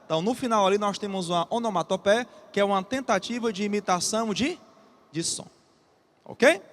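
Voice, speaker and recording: A Brazilian man with a high-pitched, fairly bright voice teaches an exam-prep literature class, over a little hiss or hum. He reads a poem aloud, then explains it with frequent checks to the students, repeating key terms slowly so they can take notes.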